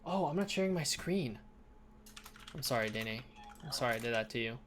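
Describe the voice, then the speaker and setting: A man co-hosts a casual livestream and chats as he sets it up at his computer. His voice sits at an ordinary middle pitch. A faint hiss runs underneath. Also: lively intonation, brisk, a bit bright. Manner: chatty, fiddles with stream setup while talking. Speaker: co-host. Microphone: headphones with computer mic.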